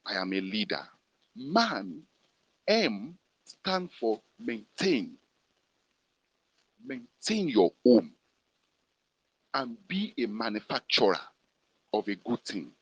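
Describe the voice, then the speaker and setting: A male pastor with a Nigerian Yoruba-tinged accent delivers a sermon at a mid-range pitch. He hammers each point by repeating it several times and leads his listeners in call-and-response. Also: very animated, extremely slow, pauses often, slightly rough, no room sound, dull audio. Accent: Nigerian, Yoruba-influenced. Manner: repetitive, emphatic preaching with call-and-response. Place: prayer room gathering, fed to an online audience.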